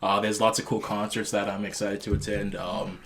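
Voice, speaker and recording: A man's voice: lowish voice, little pitch movement, moderate pace, vocal fry, a bit bright. A man in his twenties hosting a casual podcast chat with friends in an enthusiastic way, often repeating his phrases. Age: 20s. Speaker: podcast host.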